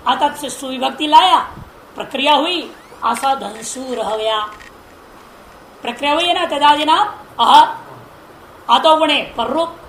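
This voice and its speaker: Woman lecturing on sanskrit grammar, slow careful delivery, roomy echo with a faint hiss behind. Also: high voice, fairly bright tone. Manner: slow, deliberate, repeating forms and asking rhetorical questions. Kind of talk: classroom lecture.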